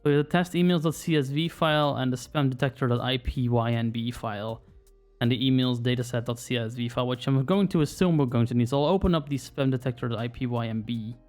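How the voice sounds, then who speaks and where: A man walking through a technical tutorial in a relaxed, rambling way, thinking aloud and pausing on plenty of fillers. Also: mid-range voice, faint music behind. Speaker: screen reader user presenting a tutorial. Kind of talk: casual walkthrough narration.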